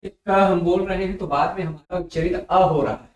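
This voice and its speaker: A man teaching a Hindi grammar lesson for exam preparation, explaining slowly and repeating letters and sounds aloud for his students. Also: high voice, steady tone. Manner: addresses viewers as dear friends. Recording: very echoey room.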